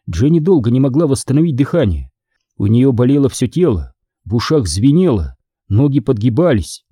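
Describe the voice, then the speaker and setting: A man reading a novel aloud as a narrator, with an expressive, dramatic delivery. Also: medium pitch, husky, dry recording, studio quality. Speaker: audiobook narrator. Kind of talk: scripted narration.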